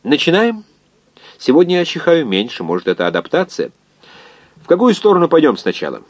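A man's voice: a little high, wildly swooping pitch, a little fast, no room sound, pitched above the performer's own voice. A man voicing an ironic, unflappable male doctor who jokes his way through hardship. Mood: wry, teasing. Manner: bantering, bright and teasing.

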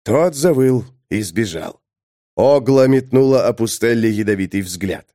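A man narrating an audiobook in an expressive, theatrical storytelling manner. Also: on the low side, measured pace, no echo, clean studio sound.

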